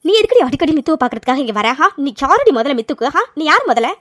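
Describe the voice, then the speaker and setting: A woman voicing a jealous, hot-tempered young woman in a cartoon serial, scolding with rapid-fire questions. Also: high voice, big pitch swings, a bit bright, no echo, clean studio sound. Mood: angry.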